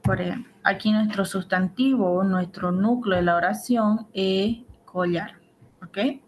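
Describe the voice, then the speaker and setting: A woman's voice: medium pitch, a little slow, lo-fi sound, a little hiss or hum. A woman teaching assistant giving an online grammar lesson, explaining step by step and checking in with her students.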